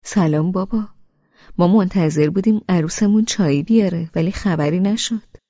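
A woman's voice: on the low side, mellow, no echo, muffled recording, natural voice. A woman voicing a genial older man, a family patriarch who jokes politely.

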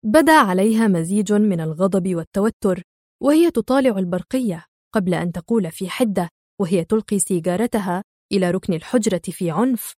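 A woman narrating a thriller audiobook in a measured, expressive storytelling voice. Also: mid-range voice, no echo, clean studio sound.

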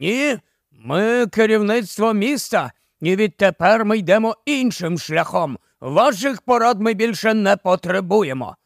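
A man voicing a pompous, cowardly mayor whose voice cracks into falsetto. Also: expressive, measured pace, creaky, dry recording, studio quality, full character voice. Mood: defiant. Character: pompous cowardly male mayor, shrill blusterer.

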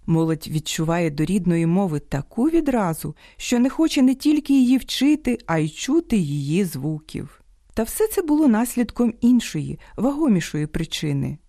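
A woman hosting an educational radio program, reading a script in a measured, precise way. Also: medium pitch, big pitch swings, warm tone, no echo, clean studio sound. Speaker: radio host. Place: radio studio.

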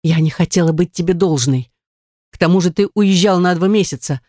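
A woman voicing a hurt, defiant young woman who hisses and shouts back, in an audiobook reading. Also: on the low side, a little fast, no echo, studio quality, close to an everyday voice.

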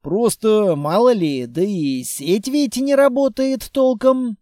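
A grumbling fighter who keeps whining and nagging, played by a man reading an audiobook. The voice is high for a man and soft and warm in tone. The recording is dry and close. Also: expressive, slow, no echo. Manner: complaining, mumbling. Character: whiny, grumbling male fighter.

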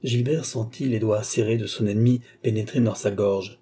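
A man narrating a classic novel as an audiobook in a measured, solemn reading. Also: on the low side, steady tone, dark tone, breathy edge. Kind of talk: scripted literary narration.

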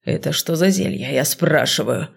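A woman reading an audiobook voices a stern, brusque male magister of magic who asks curt, demanding questions in a gruff, lowered voice. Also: flat delivery, measured pace, heavily acted. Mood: angry.

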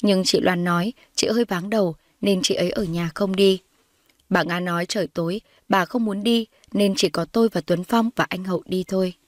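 A woman's voice: on the low side, fairly even intonation, normal speed, no room sound. Woman narrating a story, dry close sound. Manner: reads all the characters' lines in her own voice, rising when characters shout. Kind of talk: scripted narration with voiced dialogue.

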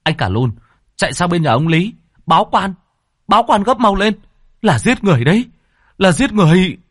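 A man voicing an alarmed male servant who shouts urgent calls for help, in a horror story reading. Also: sits high, big pitch swings, moderate pace, no room sound, studio quality, pitched above the performer's own voice, full character voice.

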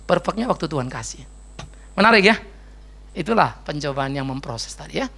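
A man's voice: fairly high pitch, expressive, moderate pace, gravelly, sharp tone. A man pastor giving a casual, joking sermon and answering questions, slangy and sprinkled with English words. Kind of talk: conversational sermon with Q&A.

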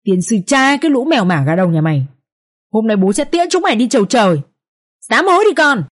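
A woman voicing an enraged young master who yells crude insults in a raised voice. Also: fairly high pitch, very animated, fairly quick, no echo, clean studio sound. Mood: raging. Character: enraged young master, eldest son, violent.

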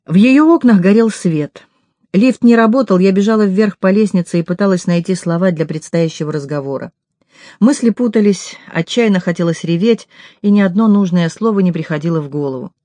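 A woman reading a first-person novel aloud in a measured, intimate storytelling manner. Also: on the low side, warm tone, dry recording, clean studio sound. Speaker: audiobook reader. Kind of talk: first-person audiobook narration.

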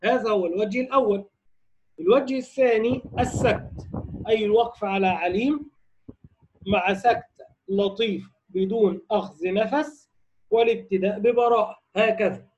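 A man teaching the rules of Quran recitation, patiently explaining and often breaking into slow, melodic chanted examples. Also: high voice, a little mellow, highs cut off.

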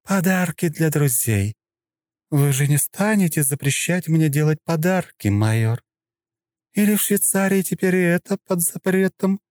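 A man's voice: fairly high pitch, animated, a little mellow, no room sound, clean studio sound, voice pushed up. A man voicing an icy, haughty princess. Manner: cold, slow, contemptuous, threatening. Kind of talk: audiobook character voice.

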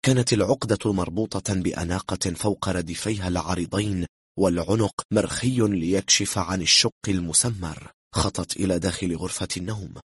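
A man reading a thriller novel aloud in a steady, measured narrating voice. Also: deep voice, slightly rough, no room sound, clean studio sound. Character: calm, cool-headed man bluffing.

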